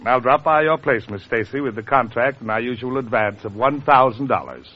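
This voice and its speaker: A man's voice: medium pitch, expressive, a little fast, close to an everyday voice. A man playing a genial, businesslike middle-aged music publisher, in 1940s radio comedy style, on a dull old recording.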